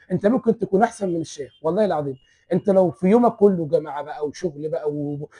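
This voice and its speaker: A young Egyptian man rushes through a fervent religious pep talk at breakneck speed, piling up oaths for emphasis. His voice is husky and dark, sitting a little high for a man. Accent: Egyptian Arabic. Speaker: religious speaker.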